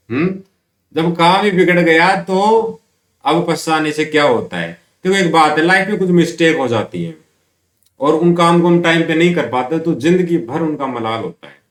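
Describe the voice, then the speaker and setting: A man teaching English grammar to school students, asking questions and answering them himself, reading English examples out slowly word by word. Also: on the high side, echoey room. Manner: explains slowly, asks and answers his own questions.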